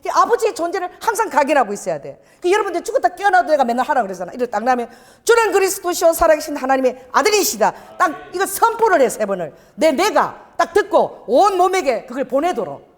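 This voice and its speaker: A middle-aged woman pastor preaches in an animated storytelling way, her fairly high voice swooping widely as she talks quickly. Her sermon rings with the long reverb of a church sanctuary.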